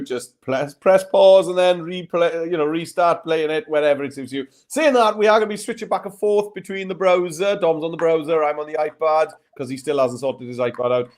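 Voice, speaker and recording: Higher-pitched Welsh man, casual host. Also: a little mellow. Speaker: live lesson co-host. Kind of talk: casual explaining with light banter.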